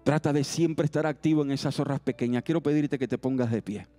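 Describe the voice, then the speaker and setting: A man's voice: medium pitch, fast talker, mellow, soft background music. A man preaching a youth service sermon. He repeats his exhortations in an earnest, rising cadence.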